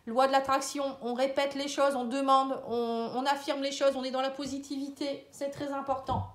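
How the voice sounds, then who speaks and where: A woman's voice: sits high, level tone, moderate pace, echoey room. A woman giving a casual spoken tarot and horoscope reading, talking straight to the viewer, hesitant and full of fillers. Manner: speaks directly and familiarly to the viewer. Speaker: astrology and tarot reader.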